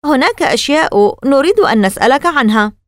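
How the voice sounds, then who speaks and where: An earnest young girl from a storybook, voiced by a woman narrator, tense and trying to keep the fear out of her voice. Her pitch sits well above the narration, lively and rising. The sound is dry and close. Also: fairly quick, dry recording. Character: worried young girl, the older sister.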